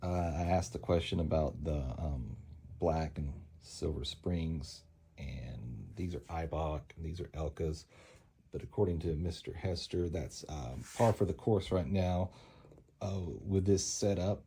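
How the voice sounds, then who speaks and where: A man casually narrating a product test, halting as he thinks aloud. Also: a bass voice, gravelly, warm tone, husky. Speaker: off-road vehicle vlogger.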